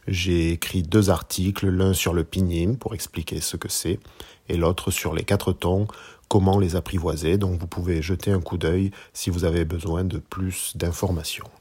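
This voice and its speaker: A man hosting a podcast lesson on Chinese, explaining calmly and in a measured way. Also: deep voice, slightly rough. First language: French. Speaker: podcast host and Chinese teacher.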